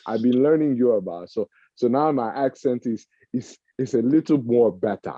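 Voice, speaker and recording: Co-hosting a loose, casual podcast, this man chats freely and keeps breaking into off-key snippets of song. His voice is medium-pitched and warm at a moderate pace, recorded lo-fi with no room sound.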